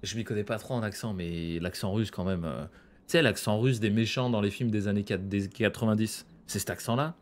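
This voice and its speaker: A man's voice: lowish voice, brisk. A man casually commentating a horror game, chatty and joking with slang and asides. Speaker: gaming streamer. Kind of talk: let's play commentary.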